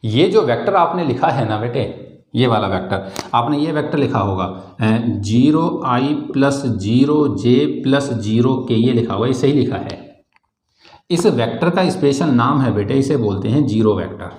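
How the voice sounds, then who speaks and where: An Indian man gives a physics lesson in a room with a noticeable echo. His voice sits at an ordinary middle pitch. He explains patiently, step by step, and slows to dictate definitions word by word. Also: expressive, darkish tone. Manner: explains step by step, addresses students as "beta" and "sahab"; slow, spelled-out dictation of definitions. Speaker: physics teacher. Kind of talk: classroom lecture.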